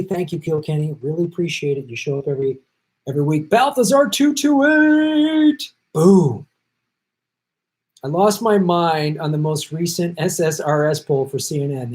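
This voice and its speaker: A middle-aged man with a fairly high, slightly mellow voice hosts a live stream despite jet lag and a failing voice. He chats easily, reads out viewer comments, thanks viewers by name, and drops in brief asides.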